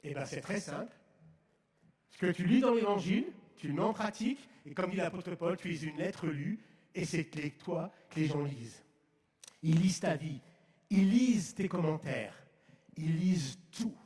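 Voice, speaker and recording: A man from France gives an emphatic, story-filled sermon outdoors, his voice sitting fairly high and often swelling to a shout. He mixes humour into the preaching. The sound carries a strong echo from the public-address setup. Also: expressive, normal speed. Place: outdoors in woods at a festival.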